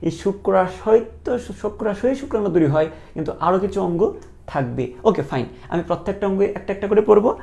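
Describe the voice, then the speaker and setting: Gravelly male teacher drilling key terms. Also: sits high, animated, fast, dark tone. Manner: repeats key terms as questions, drilling students. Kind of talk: online lecture.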